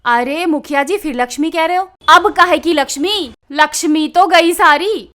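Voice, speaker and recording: An actress with a Haryanvi accent playing a loud, quarrelsome village daughter-in-law who wails and scolds. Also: female voice, moderate pace. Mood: scolding. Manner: shrill wailing and scolding.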